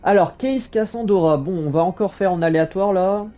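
A man's voice: high-pitched, a little fast, dull audio. A man hosting a gaming video with casual commentary, musing aloud in an informal way. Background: soft game music.

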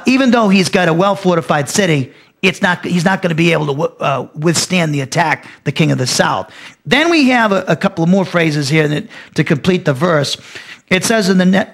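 A man teaching a verse-by-verse Bible lesson, his voice ragged and strained, explaining slowly and repeating phrases as he restarts words. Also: sits high, a bit bright.

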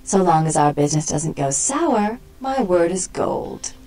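A woman's voice: on the low side, lively intonation, measured pace, music in the background, low-quality recording. An actress voicing a poised, haughty female vampire who runs a club, speaking formally in a video game.

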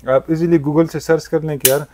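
A man, a shopkeeper demonstrating gadgets in a market shop. He talks in a brisk salesman's patter and keeps using polite forms of address. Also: fairly high pitch, steady tone, a little mellow, slight background noise. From Pakistan. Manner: brisk salesman patter, frequent "thik hai" and "janab-e-wala". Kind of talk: product demonstration sales pitch.

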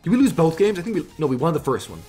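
A man doing live gameplay commentary as a hyped, excitable gamer bro who repeats his phrases, hosting his video. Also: fairly high pitch, very fast, breathy edge, faint music behind. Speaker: gaming video host.

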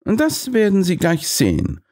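A brisk, self-assured master detective with a raised, very lively voice, as a male narrator puts him on. He lectures in a confident tone and draws his points out slowly in a science-fiction audiobook. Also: high-pitched, voice pushed up, exaggerated voice. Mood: lecturing. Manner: lecturing, triumphant.

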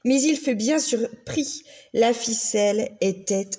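A woman reading a children's picture book aloud, slow and very expressive. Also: fairly high pitch. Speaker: children's story reader.

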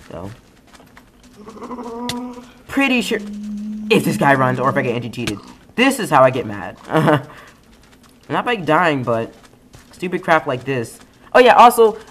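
Rambling excitable young gamer guy. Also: mid-range voice, a little hiss or hum. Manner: rambling, excitable, swings between mumbling asides and sudden yells. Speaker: gaming YouTuber. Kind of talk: casual let's-play commentary.

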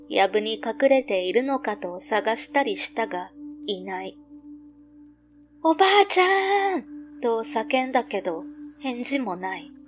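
A woman reading a scripted ghost story as narrator, measured and suspenseful, pausing between short phrases. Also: a little high.

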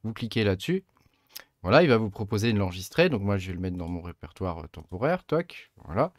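Man, low voice, dry close sound, casual tutorial, filler-heavy chat. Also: fairly quick, dry recording. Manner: relaxed, chatty, many fillers like "hein" and "euh". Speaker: tutorial host. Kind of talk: casual screen-recorded tutorial.

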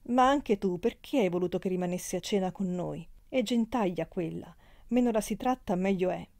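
A woman's voice: lowish voice, moderate pace, gravelly, a little mellow. A woman voicing a young nobleman who speaks firmly, with an edge of bitterness. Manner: firm, bitter. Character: young count, firm and indulgent.

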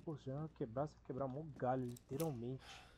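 A man's voice: mid-range voice, fairly even intonation, fast talker, background noise. A Brazilian man, around his thirties, giving casual, slangy, crude-joking commentary as he streams a horror game. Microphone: streaming mic, facecam.

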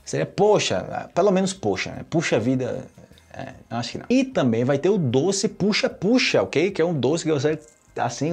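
A man with a Brazilian Portuguese accent teaching a casual online Portuguese lesson, chatty and relaxed, tagging sentences with "né?" and "ok?". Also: medium pitch, vocal fry, slightly rough. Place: Medellín, Colombia.

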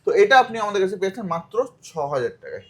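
A man with a Kolkata Bengali accent who speaks very fast in a high voice and runs through price after price. He repeats each figure in a sales pitch for secondhand phones. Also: huge pitch swings, breathy edge. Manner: rapid repetitive price listing. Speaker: phone seller.

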